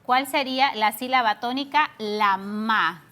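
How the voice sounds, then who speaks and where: Female teacher, TV lesson for kids; patient, stretches words; high, bright tone. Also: a little slow. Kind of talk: televised class for schoolchildren.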